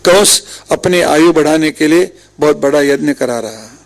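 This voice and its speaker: The recording quality is low, but the speaker's fairly high, expressive voice comes through: an Indian-accented man telling scripture stories as a devotional discourse. He narrates slowly and quotes what the figures say, in the manner of a religious storyteller.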